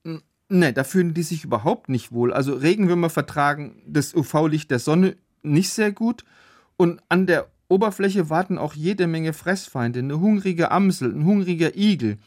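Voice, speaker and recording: A man as the biologist guest, calmly explaining facts in a podcast chat. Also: a little high, moderate pace. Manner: patient, factual explainer.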